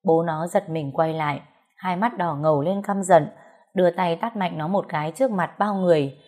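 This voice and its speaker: A woman tells a dramatic ghost story in a calm, measured reading. Her voice sits a touch low and steady as she moves from scene to scene. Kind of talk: scripted story narration.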